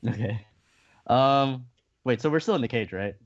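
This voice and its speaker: A man's voice: medium pitch, normal speed, a little hiss or hum. A man playing a tabletop game, hesitant and thinking aloud. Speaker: player. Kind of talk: casual tabletop play. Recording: dull lo-fi mic.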